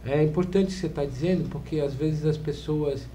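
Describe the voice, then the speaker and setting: Mellow Brazilian podcast host. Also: male voice, fairly high pitch, fairly quick, slight background noise. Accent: Brazilian Portuguese. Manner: warm, formal introductions, prompting questions. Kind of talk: podcast interview. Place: podcast studio.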